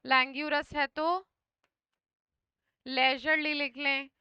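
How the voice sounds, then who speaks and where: A woman's voice: high voice, flat delivery, takes it slowly, no echo, lo-fi sound. A woman teaching English vocabulary for an exam in Hindi, mixing in English words and often checking in with her students. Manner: often repeats "thik hai" to check understanding.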